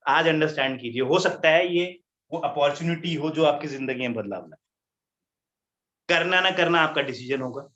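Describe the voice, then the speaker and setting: Man, meeting presenter, lively storyteller, bright slightly high voice, dull lo-fi audio. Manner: animated, chatty, tags lines with "right?" and "isn't it?"; laughs at his own story.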